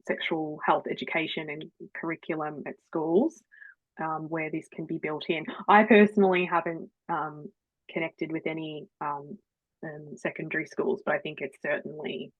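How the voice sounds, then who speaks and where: A woman's voice: deep voice, no room sound. A woman presenter answering webinar questions, hesitant with many fillers, often laughing. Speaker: guest presenter. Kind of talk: online webinar Q&A. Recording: dry, phone-like audio.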